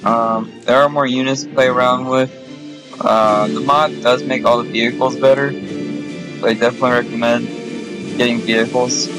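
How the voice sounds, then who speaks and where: A man's voice: mid-range voice, level tone, rough recording. Nasal-voiced man giving hesitant gameplay commentary. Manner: hesitant, many filler pauses. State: nasal, stuffed-up voice. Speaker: gaming video creator. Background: game music.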